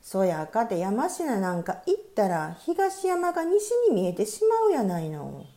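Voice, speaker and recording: A woman's voice: medium pitch, wildly swooping pitch, unhurried, mellow. A woman reading the lines of a snobbish Kyoto woman in Kyoto dialect, haughty and put-upon. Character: Kyoto woman scorning a match from Yamashina.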